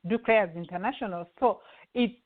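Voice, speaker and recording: Guest: middle-aged Ugandan woman, mid-pitched, earnest, tinny phone audio. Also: moderate pace. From western Uganda. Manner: earnest, with frequent fillers and restarts. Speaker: guest, home care agency CEO. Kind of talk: conversational interview answers.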